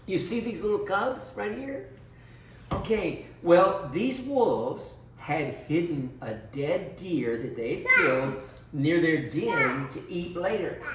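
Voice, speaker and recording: A man tells a Bible story to small children, keeping his language simple and instructive and asking them questions along the way. His voice is on the high side with lively intonation, and he takes his time. The recording sounds roomy, with a distant mic and background noise.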